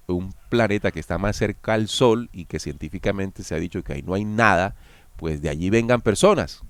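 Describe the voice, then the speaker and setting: A man's voice: fairly low pitch, smooth, no echo. A man hosting a channel, explaining and analysing an interview clip for his viewers and speaking to them directly. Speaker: host. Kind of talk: analytical commentary.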